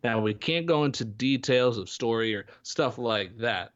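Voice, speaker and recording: A man's voice: mid-range voice, expressive, normal speed, dry recording, dull audio. A man co-hosting a podcast in casual chat, rambling with many restarts and fillers. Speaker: podcast co-host. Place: home in Florida.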